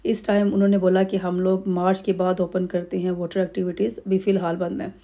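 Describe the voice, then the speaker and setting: A middle-aged woman from Pakistan, narrating a family holiday vlog over clips in a relaxed, rambling way with many pauses and fillers. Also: lowish voice. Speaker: vlogger.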